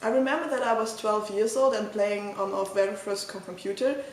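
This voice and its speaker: A woman in her twenties with a German accent, recalling a memory hesitantly, with many pauses and fillers. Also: mid-range voice, a little hiss or hum. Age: 20s. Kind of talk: personal recollection. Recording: echoey room.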